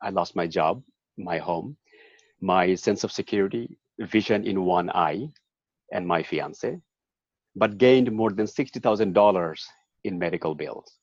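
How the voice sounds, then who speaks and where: Deep-voiced man from Bangladesh, dull audio. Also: unhurried, no room sound. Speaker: panelist, activist. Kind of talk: panel discussion introduction. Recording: dull lo-fi sound.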